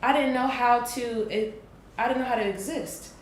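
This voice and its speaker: A woman in her late twenties, thinking aloud in an earnest, reflective casual chat. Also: a little high. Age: 20s. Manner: earnest, thoughtful, drawn-out pauses. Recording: echoey room with faint noise.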